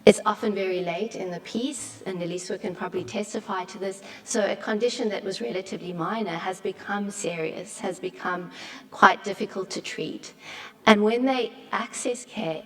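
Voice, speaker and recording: A woman's voice: medium pitch, normal speed, fairly bright tone, distant mic, low-quality recording. A woman panelist answering a conference question in an earnest, emphatic way with some restarts. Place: conference room.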